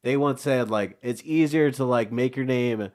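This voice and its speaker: A man's voice: mid-range voice, normal speed, a little mellow. A man chatting casually as an interview guest, rambling through half-finished thoughts. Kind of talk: casual chat.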